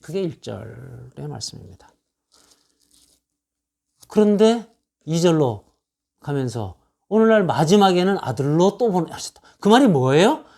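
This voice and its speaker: A man's voice: on the high side, very animated, a little slow, gravelly, long pauses, warm tone. A man preaching a sermon as pastor, reading scripture verses and pressing his point with rhetorical questions and repeated lists. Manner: quotes scripture verses aloud. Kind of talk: expository sermon.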